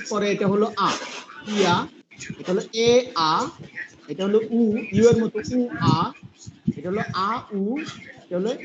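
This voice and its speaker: Man teaching, high voice, patient, repeats sounds, dull call audio. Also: noisy background. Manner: patient, repeats sounds slowly, asks the class questions. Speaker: English teacher. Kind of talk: online class teaching pronunciation.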